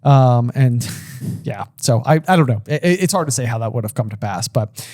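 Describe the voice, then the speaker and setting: A man's voice: medium pitch, expressive, normal speed, darkish tone, no echo, studio quality. A man co-hosting a casual book-discussion podcast, rambling and filling his talk with "like" and restarts. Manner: rambling, heavy use of "like", restarts. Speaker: podcast co-host.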